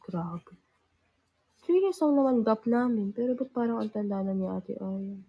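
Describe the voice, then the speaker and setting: A woman's voice: mid-range voice, animated, normal speed, slightly rough, lo-fi sound. Teen girl host, casual live chat, teasing and giggly, under the weather with a cough. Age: teens. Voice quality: loudness rises and falls. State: sick with a cough. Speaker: livestream host.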